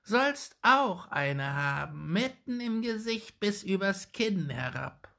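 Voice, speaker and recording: A hunched, spiteful old crone from a storybook, her voice high and creaky as she mutters and drags out her words with sly menace. She sounds a little set back from the mic. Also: big pitch swings, takes it slowly, pushed and bright, exaggerated voice. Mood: muttering, sly. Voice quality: creaky, croaking.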